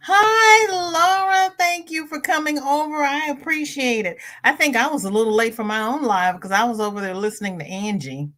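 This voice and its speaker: At a normal speed, the stuffy-nosed woman running the crochet livestream reads out comments and chats easily. Each viewer she names gets a high, bright lift in her voice.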